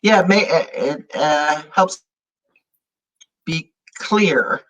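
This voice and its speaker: A non-native English-speaking man, a sound healer, talking in a halting way with many restarts while he searches for words. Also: on the high side, fairly bright tone, rough recording. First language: not English. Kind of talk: casual interview chat.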